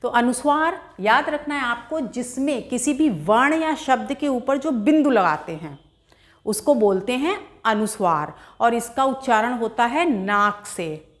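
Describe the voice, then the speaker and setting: A woman teaching a Hindi grammar lesson to students, patiently addressing them as children and sounding out example words slowly. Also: a little high, expressive.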